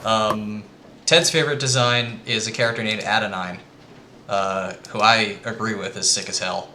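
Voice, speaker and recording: A man's voice: lowish voice, steady tone, moderate pace, a little hiss or hum. A man giving a casual, rambling presentation to friends, with lots of ums. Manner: rambling with frequent ums, quietly earnest.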